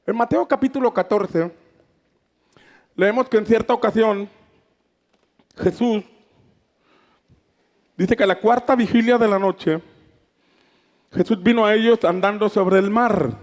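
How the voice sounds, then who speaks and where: A man's voice: high-pitched, measured pace, pauses often. A man preaching a sermon, fervent and declamatory, raising his voice for emphasis. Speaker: pastor.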